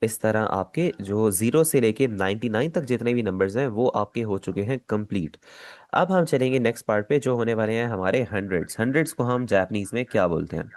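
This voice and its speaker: A man with a Pakistani Urdu accent, teaching an online language lesson, patient and repeating each step slowly. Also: on the low side, expressive, darkish tone, no room sound.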